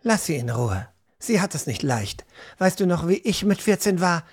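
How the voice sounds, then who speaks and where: A man reading an audiobook, voicing a gentle young mother who speaks in a soft, reassuring way. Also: high voice, very animated, moderate pace, husky, exaggerated voice. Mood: soothing.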